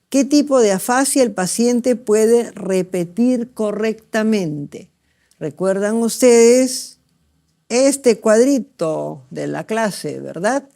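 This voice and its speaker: Male medical lecturer, mellow tone, explanatory, asks students to confirm. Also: high voice. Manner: explanatory, asks rhetorical checks, acts out patients. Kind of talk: exam review lecture.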